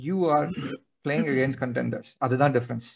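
A man's voice: medium pitch, racing, gravelly, husky. A man with a Tamil accent making blunt, short points in a casual football fan debate, switching between two languages. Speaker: panelist on a football fan show. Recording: dull muffled video-call audio.

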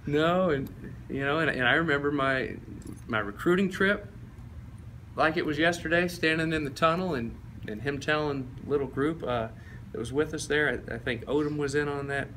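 A former football player in his forties, swaps stories in a relaxed chat. His voice sits a little high and rings bright, and he keeps breaking into laughter and high-pitched impressions. A faint hum of ambience sits under the recording. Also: normal speed, rough recording. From East Tennessee. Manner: laughing anecdotes, bursts into high mimicking of his coach. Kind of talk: casual storytelling interview.

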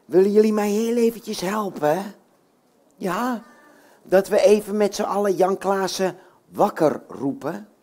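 A puppeteer talking warmly to children before a show, coaxing them with many little questions. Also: mid-range voice, measured pace. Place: bookshop, indoors.

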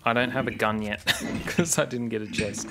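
A man chatting casually while playing a video game with friends, excitedly calling out enemies and plays. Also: mid-range voice, normal speed. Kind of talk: casual gaming chat. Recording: gunfire and game noise behind.

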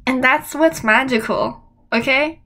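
A woman's voice: sits high, measured pace, bright, forceful tone. A young woman giving a candid, emphatic motivational talk to camera, often checking in with "okay?". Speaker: self-help vlogger.

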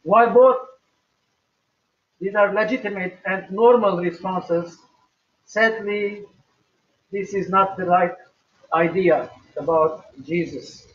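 An older man preaching a recorded sermon at home in a slow, measured way with emphatic rises. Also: sits high. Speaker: pastor. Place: small home room, indoors. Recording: echoey, distant, dull webcam audio.

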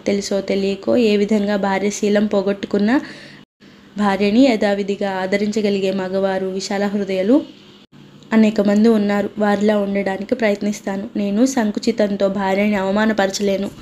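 A woman's voice: mid-range voice, level tone, moderate pace, warm tone, natural voice. A woman reading as a dismissive, calculating husband. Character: calculating husband feigning broad-mindedness. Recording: dull lo-fi recording, faint hiss.

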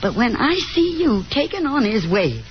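In 1950s radio drama style, an actress plays a fretful, nagging middle-aged Southern mother, fussy, insistent, anxious and reproachful. Her fairly high voice swings widely in pitch at a moderate pace. The broadcast sounds dull and noisy, with soft background music.

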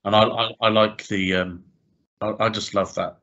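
Low-pitched male podcast host, halting and stumbling over his words; muffled audio. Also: little pitch movement, fairly bright tone. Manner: hesitant, many fillers and repeated words. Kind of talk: casual chat.

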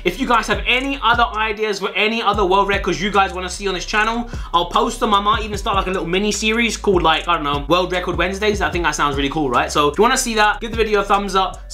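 Bright, high-voiced man. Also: fast talker, few pauses. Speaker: video channel host. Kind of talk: casual chat to camera. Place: small indoor room with display cabinets, seated at a desk.

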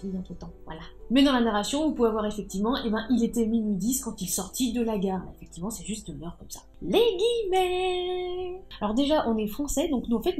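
Casting note: woman, a touch high, chatty writing-coach tutorial with emphatic asides, echoey room with faint music underneath. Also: a little mellow. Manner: chatty, emphatic, with fillers like hein and bah. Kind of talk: casual tutorial explaining typography rules.

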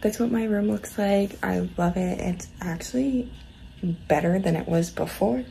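A young woman vlogging from her dorm room in a casual, soft-spoken way, often half-whispering. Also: mid-range voice, measured pace, gravelly, slight background noise, low-quality recording. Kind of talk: casual vlog chat.

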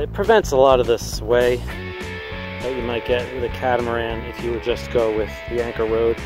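A man casually narrating his solo sail, chatty and thinking aloud, recorded outdoors on a sailboat deck on a camera mic. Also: mid-range voice. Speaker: sailing vlogger.

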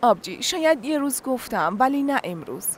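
A woman's voice: high-pitched, very animated, slight background noise. An actress dubbing a young woman who talks frankly and earnestly with her older sister. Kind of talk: Persian dub of a TV drama. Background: music score.

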